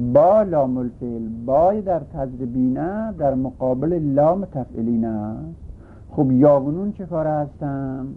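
Man teaching over a tinny line. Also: medium pitch. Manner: patient, repeats and rephrases points. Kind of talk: lecture explaining a grammar text. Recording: tinny phone-like recording.

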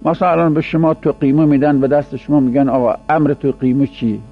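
A man teaching Arabic grammar in a classroom lecture, whose first language is Persian, drawing out the example words slowly. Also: fairly high pitch, steady tone, slightly rough, faint music behind. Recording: dull lo-fi recording with mains hum.

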